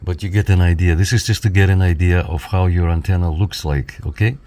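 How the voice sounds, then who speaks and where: A radio reviewer gives a casual, hands-on walkthrough of a piece of equipment, guiding viewers through it step by step. His voice is low-pitched and dark, with a steady tone and a fairly quick pace.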